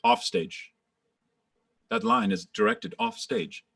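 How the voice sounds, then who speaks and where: A man's voice: extremely high pitch, huge pitch swings, slow pace, creaky, a bit bright. A man playing a theatre actor-manager who explains staging and pronunciation with assured theatricality. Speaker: actor-manager directing a rehearsal. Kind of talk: radio drama acting.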